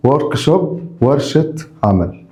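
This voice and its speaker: A man with an Egyptian Arabic accent teaches English vocabulary to school pupils in a mellow, low-key voice. He repeats each word slowly, gives its meaning in Arabic and keeps asking short rhetorical questions to prompt his students. The recording carries a clear echo from the room. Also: lively intonation.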